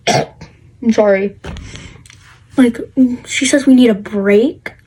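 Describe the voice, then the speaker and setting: A woman's voice: on the high side, drawn-out words, darkish tone, slightly rough, poor audio. A teenage girl telling a personal story to camera in a rambling casual way, full of fillers and restarts. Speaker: vlogger.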